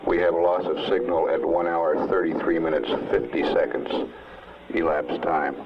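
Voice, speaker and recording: Man, mission control announcer over crackly radio, very low voice, distant and hissy, measured formal delivery. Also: fairly even intonation, creaky, highs cut off. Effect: crackly radio transmission. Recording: noisy distant 1960s radio loop.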